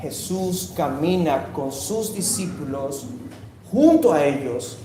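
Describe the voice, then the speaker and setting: A high-pitched man delivers a sermon at an unhurried pace, letting key phrases swell with rising pitch and force before sinking low again. His voice rings through a very reverberant room, with a faint hiss underneath. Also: lively intonation. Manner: dramatic rises in pitch and volume for emphasis. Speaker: preacher. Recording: echoey room with faint noise.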